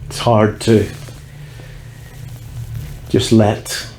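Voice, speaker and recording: A man vlogging from a cable car on a mountain, rambling reflectively and gently mocking himself. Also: lowish voice, little pitch movement, very slow, roomy sound, slight background noise. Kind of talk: musing vlog monologue.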